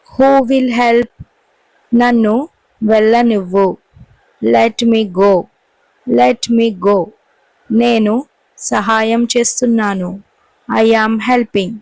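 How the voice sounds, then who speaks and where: A woman teacher, reading short English sentences slowly and clearly and repeating each one for learners. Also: a little high, a little mellow, no echo, rough recording. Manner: says each Telugu sentence briskly, then repeats the English twice, slow and clear. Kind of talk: language lesson.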